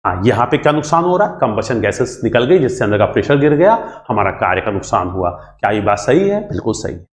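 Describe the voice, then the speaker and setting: Lively Hindi-speaking male engineering teacher. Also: on the low side, a little fast. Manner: lively, repetitive, acts out student questions and his replies. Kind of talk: classroom lecture. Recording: echoey room.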